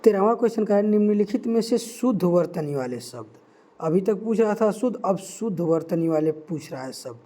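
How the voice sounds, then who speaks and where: A young man tutoring for an exam, reading out answer options slowly and repeating key words for emphasis. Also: high-pitched, lively intonation, dark tone. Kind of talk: quiz-style teaching.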